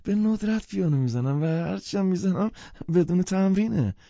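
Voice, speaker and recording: A man's voice: high voice, lively intonation, creaky, mellow, no room sound, pitched above the performer's own voice. A jittery young man who whines and stumbles over his words in a raised, strained voice, put on by a male narrator. The audiobook recording sounds dull, lo-fi and dry. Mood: flustered. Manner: stammering, whiny. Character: nervous young man, flustered and stammering.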